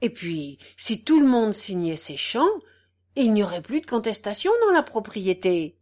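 A woman's voice: medium pitch, very animated, moderate pace. Woman putting on a pompous bullying squire. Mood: boastful. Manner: boastful, then furious and shouting, then fawning.

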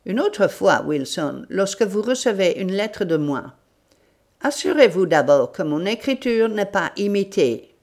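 A woman reading an audiobook, voicing an imperious, irritable English detective man who scolds with sharp questions. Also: medium pitch, sing-song, a little slow, pitched above the performer's own voice. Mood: stern. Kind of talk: audiobook character voice.

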